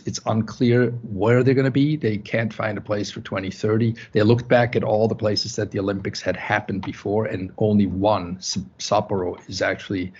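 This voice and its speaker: A Swiss man with a Swiss accent gives a conference talk in a conversational style, restarting often and checking in with "right?". His voice is fairly low and darkish, with slight background noise in a muffled lo-fi recording.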